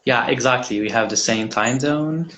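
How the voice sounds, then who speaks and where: A man's voice: medium pitch, moderate pace, a bit bright, slight background noise. A man hosting a live online mock job interview over a video call, speaking in a friendly, hesitant way with frequent fillers.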